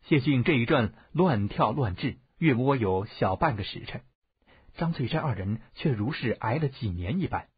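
A man narrating a martial-arts novel as an audiobook, telling it expressively with a husky voice. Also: medium pitch, normal speed, dry recording. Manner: expressive storytelling, varied tone. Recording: dull, dry lo-fi audiobook recording.

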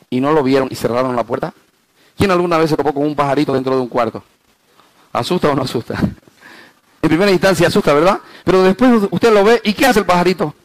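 A male pastor preaching a sermon, swinging between loud, high emphasis and hushed low passages, slowing down to stress key phrases and asking the congregation rhetorical questions. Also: no room sound, low-quality recording.

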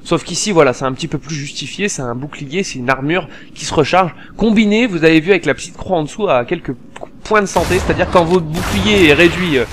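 A man's voice: fairly high pitch, fairly quick, a little hiss or hum. Chatty man narrating his gameplay. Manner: chatty and excitable, with slang and swearing; many fillers while explaining. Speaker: gameplay video host. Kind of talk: casual gameplay commentary.

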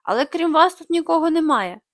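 Рудий клоун, якого грає жінка, жвавий. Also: female voice, high voice, expressive, brisk, pitched above the performer's own voice. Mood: cheeky. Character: red-haired clown, cheeky, quick.

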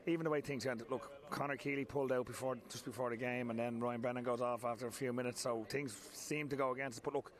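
A man in his forties with an Irish accent, a football manager speaking frankly after a match, restarting his sentences often, into a handheld mic outdoors on a pitch at night. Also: steady tone, fast, hardly any pauses. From Ireland. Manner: frank, repeats himself, many restarts. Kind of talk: post-match interview. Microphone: handheld mic held close.

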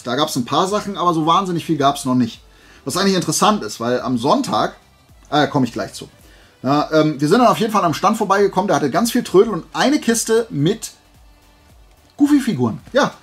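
A German man with a high, husky voice shows off his flea market finds in a YouTube haul vlog. He chats casually as a collector, rambling and hesitating and often correcting himself.

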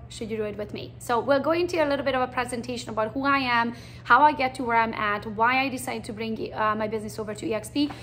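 A woman in her forties, born in Transylvania, Romania, and speaking with a Hungarian accent, talks bluntly about her career as a realtor during a recruiting presentation. Her storytelling is chatty and animated, her pitch fairly high, and the recording has a slight hiss or hum.

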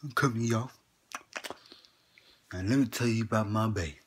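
A man's voice: on the low side, normal speed, a little hiss or hum, close to an everyday voice. A man playing a boastful old grandpa who tells tall tales in a folksy, slangy drawl and chuckles between lines. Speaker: comedy skit performer. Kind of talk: comedic character monologue.

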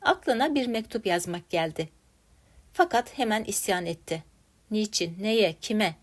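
A woman narrating a classic literary story in a measured, dramatic reading style. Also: medium pitch, expressive. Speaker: story reader.

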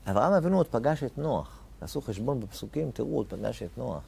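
Animated, gravelly-voiced rabbi teaching a lesson. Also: male voice, medium pitch. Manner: asks rhetorical questions and repeats key phrases; emphatic, rising sharply on key words. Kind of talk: Torah lesson.

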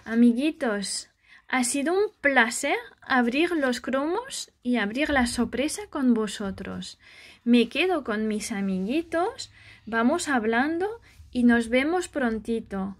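A woman, a vlogger and mother, chatting softly and dotingly with a child and her viewers. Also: fairly high pitch, expressive, slow. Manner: doting and soft, speaking as to a small child. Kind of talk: casual chat with a child and viewers.

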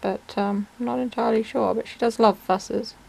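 A woman's voice: fairly high pitch, fairly even intonation, moderate pace, gravelly, a little mellow, husky, low-quality recording. A woman, hosting a casual video and fondly chatting to her pet. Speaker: video host. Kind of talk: casual chat to camera.

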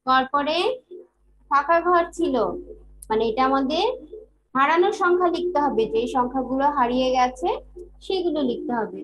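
A woman's voice: high-pitched, moderate pace, long pauses, a bit bright, rough recording. A young woman with a Bangladeshi Bengali accent teaching a kindergarten class, patiently drilling letters and chanting rhymes in a sing-song way. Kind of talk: online class lesson.

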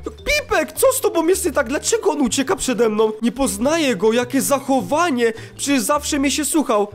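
A young man with a high-pitched voice narrates his Minecraft adventure in an excitable, dramatic way. He often slides up into a sing-song voice when he calls out. Soft music plays underneath. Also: moderate pace. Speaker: gaming YouTuber. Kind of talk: Minecraft let's play commentary.

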